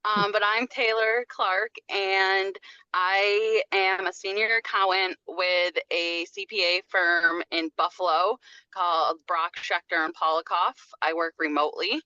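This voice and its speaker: A woman's voice: on the low side, steady tone, a little slow, sharp tone, no room sound. A woman introducing herself on a video meeting over a car speakerphone while driving. She speaks hesitantly and restarts with ums. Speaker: senior accountant and new board member. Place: in a moving car. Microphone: phone on a video call, camera off. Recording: dull lo-fi call audio from a car.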